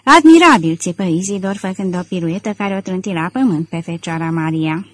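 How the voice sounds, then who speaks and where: A woman narrating an audiobook in a measured, expressive reading. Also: on the low side, dry recording. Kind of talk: scripted narration.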